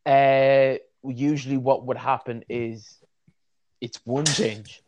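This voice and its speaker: A man co-hosting a casual podcast chat, animated and quick to act out voices in his stories. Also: mid-range voice, dry recording, dull audio. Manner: animated, puts on voices when telling stories. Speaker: podcast co-host.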